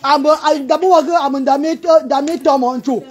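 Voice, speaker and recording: A woman's voice: high-pitched, fairly even intonation, moderate pace. A woman hosting a casual live stream at a charity event, chatty and calling out praise and instructions.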